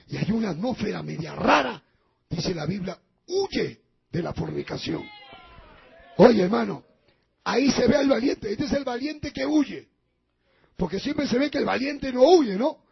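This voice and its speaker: Male pastor preaching, raspy high voice, emphatic, dull muffled recording. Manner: emphatic, repeats and addresses listeners as brother. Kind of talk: sermon.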